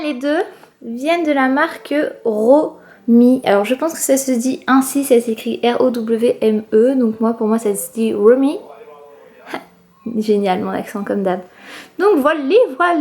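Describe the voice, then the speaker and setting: Indoors at home in her apartment, a young family vlogger talks to camera in a casual, enthusiastic way, using lots of fillers. Her voice is a little high and a little mellow.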